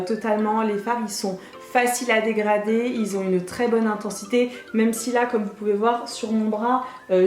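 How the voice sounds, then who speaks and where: A woman beauty vlogger chatting casually and bubbly, talking straight to her viewers while unboxing. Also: fairly high pitch. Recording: echoey room with faint music.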